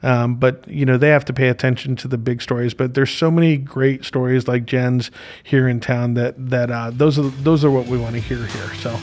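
A man's voice: medium pitch, fairly even intonation, moderate pace, a little mellow, faint music behind. A man hosting a casual podcast interview, talking in a chatty, jokey, informal way. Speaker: podcast host. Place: podcast studio.

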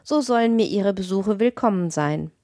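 A woman voicing an older male professor, smug and sly, speaking with a quick, knowing tone. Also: mid-range voice, animated, mellow, no room sound, clean studio sound, close to an everyday voice.

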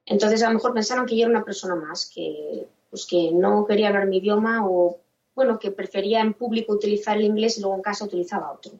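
A woman's voice: medium pitch, quick pace, darkish tone. A woman from Spain, guest on a podcast, talking casually and thinking aloud with restarts. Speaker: podcast guest, parent and author. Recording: roomy, distant, dull remote line.

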